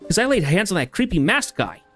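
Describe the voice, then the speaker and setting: A man's voice: sing-song, brisk, a bit bright, faint music behind, full character voice. A man voicing a brash, boastful male fighter eager for a brawl, in a rowdy, raised voice. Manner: rowdy, boastful, higher than his own voice.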